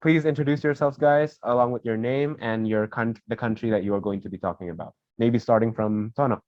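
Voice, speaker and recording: A man's voice: mid-range voice, fairly even intonation, brisk, a little mellow, no room sound. A young man moderating a casual student video discussion, friendly and rambling. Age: young adult. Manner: friendly, rambling, self-correcting. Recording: dull dry lo-fi call audio.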